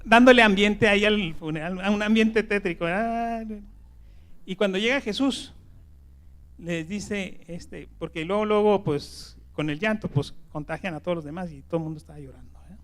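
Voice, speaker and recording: A pastor delivers a sermon in a high-pitched male voice at normal speed. He swings from loud emphasis to quiet whispers, repeats words, and keeps asking "¿verdad?".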